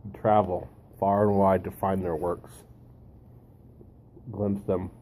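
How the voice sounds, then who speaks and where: A man giving a reflective monologue, reading and commenting in a deliberate way, with pauses and phrases repeated for emphasis. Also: deep voice, little pitch movement, warm tone. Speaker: host.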